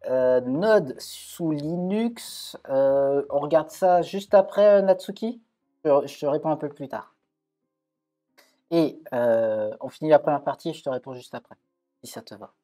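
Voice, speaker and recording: A man's voice: fairly high pitch, a little slow, mellow, faint music behind. A man giving a live-coding tutorial at his computer, thinking aloud with frequent hesitations and self-corrections. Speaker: coding streamer.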